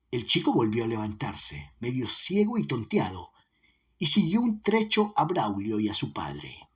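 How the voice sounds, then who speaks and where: Husky, lively male audiobook narrator. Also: medium pitch. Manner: dramatic, varied reading.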